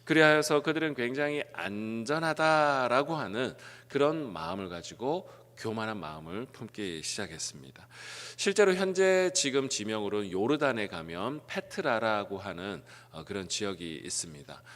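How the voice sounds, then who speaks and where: A middle-aged male pastor preaching an early-morning sermon, filling pauses with "eo" and letting his phrases rise and then drop. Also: on the low side, sing-song, fairly bright tone. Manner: frequent "eo" fillers, rising then dropping phrases. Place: church sanctuary. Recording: church hall reverb.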